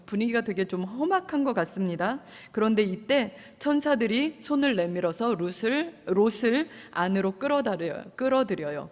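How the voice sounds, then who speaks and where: A woman's voice: on the high side, big-room sound. A woman preacher giving a conversational sermon, retelling a story with amusement and quoted lines. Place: church service hall.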